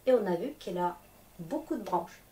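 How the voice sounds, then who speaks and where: A woman's voice: on the low side, expressive, moderate pace, dark tone. A woman teaching a language lesson in French, explaining patiently step by step. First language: Russian. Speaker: Russian teacher. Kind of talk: slow, clear language lesson.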